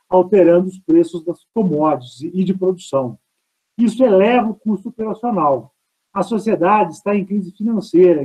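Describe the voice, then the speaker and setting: A man's voice: sits high, dark tone, poor audio. A Brazilian man, a professor, explaining step by step in an online lecture, heard through a thin headset mic on a video call. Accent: Brazilian Portuguese. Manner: explains step by step, asks himself rhetorical questions. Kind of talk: online lecture answering audience questions.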